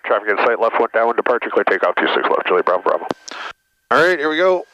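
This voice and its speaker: A man at the controls, heard through his cockpit headset mic, his voice sitting a little low with a gravelly, bright edge. He reads back tower calls and works through checklist callouts in short, crisp phrases. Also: sing-song, quick pace, lo-fi sound, slight background noise. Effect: pilot speaking through a cockpit headset mic. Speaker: pilot. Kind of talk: narrating his own flight from the cockpit. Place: small airplane cockpit.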